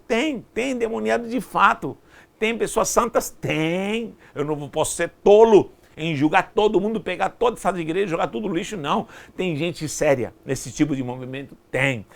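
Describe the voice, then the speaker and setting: A man's voice: high-pitched, gravelly. A man giving an online Bible study lecture. He is emphatic, repeats himself, and asks and answers his own rhetorical questions. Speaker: Bible teacher.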